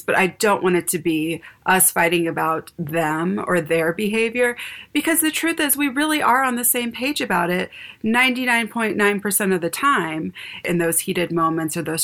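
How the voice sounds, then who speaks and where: A mother speaking frankly in an interview about her family life. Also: on the low side. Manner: frank, animated, acts out family arguments. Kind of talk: candid personal storytelling.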